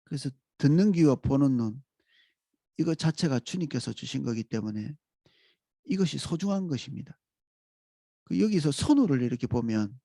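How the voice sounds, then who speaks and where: Male pastor, dawn sermon, gravelly mellow voice, measured and reflective delivery. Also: mid-range voice, dry recording. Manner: calm, reflective, with pauses and restarts.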